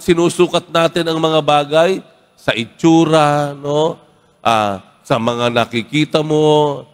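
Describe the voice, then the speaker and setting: Priest guy preaching in a big church, kinda high voice, tells stories casually, lots of echo. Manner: conversational, tags "no?" after phrases; animated storyteller, acts out quoted voices. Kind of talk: homily with storytelling. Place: large church. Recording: long church reverb.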